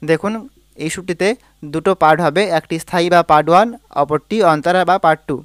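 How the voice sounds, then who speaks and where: A man's voice: fairly high pitch, steady tone, quick pace, fairly bright tone, smooth, no echo, clean studio sound. A man with a Bengali accent teaching a devotional song on the harmonium, explaining patiently and singing short sung phrases. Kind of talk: music lesson, explaining and singing examples.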